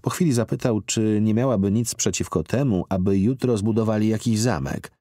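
A man narrating a literary audiobook in a measured, expressive reading. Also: fairly low pitch, dry recording. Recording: dry close studio recording.

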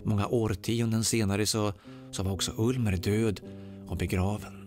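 A man from Sweden telling a ghost story aloud, dramatic with slow, suspenseful pauses. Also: on the low side, steady tone, a little mellow, soft background music. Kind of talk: oral ghost story narration.

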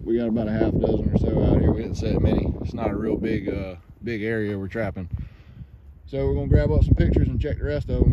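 A relaxed man in his thirties talks straight into a handheld phone as he walks through a windy coastal marsh, easygoing and upbeat in a casual outdoor vlog. His voice sits at an ordinary middle pitch, and clear wind and outdoor ambience run under everything he says. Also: muffled recording. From South Carolina. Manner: laid-back and excited, talking while walking. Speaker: trapper. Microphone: phone held at arm's length.

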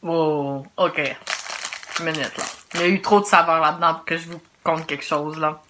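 A woman in her thirties with a Québécois accent, chatting quietly and reacting aloud as she tastes snacks at home. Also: low-pitched, steady tone, moderate pace. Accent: Québécois French. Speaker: vlogger. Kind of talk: casual snack tasting vlog. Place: home, indoors. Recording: noisy home video with wrapper crinkling.

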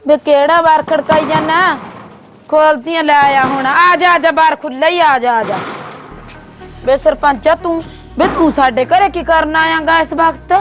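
A woman scolds and protests in fast bursts. Her voice is high, with faint music behind it. She is acting in a comedy short film.

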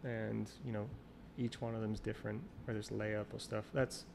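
A gravelly, fairly low-voiced man speaks at a normal speed in a flat, even way. He is a champion water skier and a guest in a casual interview, circling back and restarting sentences as he thinks aloud. A faint hiss runs beneath the call recording.

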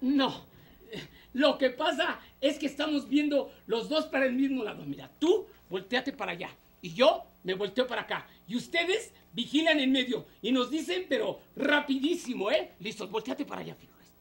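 A woman with a Mexican Spanish accent performing a children's puppet show, playful and animated as she quizzes and coaxes a young audience. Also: high voice, moderate pace.

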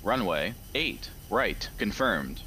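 A low-voiced airline first officer in a flight game, barking crisp cockpit callouts with a bright, lively lilt. His clipped, businesslike checks come through over a faint hiss of background noise. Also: takes it slowly, heavily acted. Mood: brisk. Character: male first officer calling out takeoff checks.

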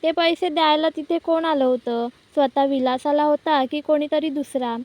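Lady reading out a cool pushy lawyer guy, firm, high voice, dry sound. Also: steady tone, moderate pace, darkish tone, no room sound, close to an everyday voice. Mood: questioning. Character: confident male lawyer, calm and pushy.

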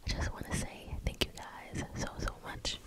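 Whispered role-play as a busy eyebrow beautician. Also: moderate pace. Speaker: ASMR host.

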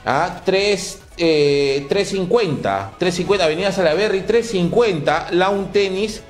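A middle-aged male TV host with a somewhat higher voice, speaking promotionally and calling straight out to the viewers. The studio sounds echoey, with faint background music. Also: expressive, a little slow. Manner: promotional, addresses viewers directly. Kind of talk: TV interview hosting. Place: television studio.

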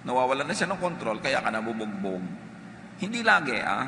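Quick and lively, a medium-pitched pastor from the Philippines drives his sermon home forcefully while slipping jokes to his congregation. Faint noise and the echo of the hall surround him.

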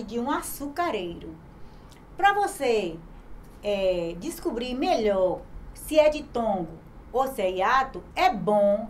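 Teaching grammar online to kids, this Brazilian-accented woman speaks a touch high over faint background noise. Slow and patient, she spells each word out syllable by syllable, and when she asks the class something, she supplies the answer herself, as a primary school teacher would.

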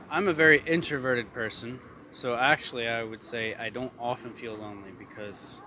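A man in his thirties answering a street interview in a measured, articulate way. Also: lowish voice. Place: outdoor city street. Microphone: handheld mic. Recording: outdoor street noise.

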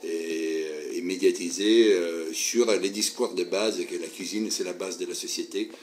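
A man from Southern Italy speaking French with an Italian accent, answering interview questions with many pauses and restarts. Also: deep voice, fairly even intonation. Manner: hesitant, many fillers and restarts. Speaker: guest interviewee. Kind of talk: casual interview.

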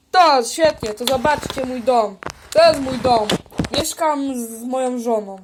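High-voiced woman doing toy role-play. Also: a little hiss or hum. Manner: playful, bickering, switches between character voices. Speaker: toy video creator. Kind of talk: improvised toy role-play voicing several characters.

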